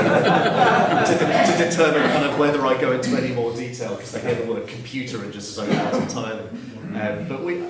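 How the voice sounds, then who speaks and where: Recorded from a distance with heavy reverb and background noise, a man in his thirties from Surrey speaks in a fairly low voice and a Southern English accent. As a guest speaker, he gives an earnest, reflective account of his own experience, frequently beginning sentences again.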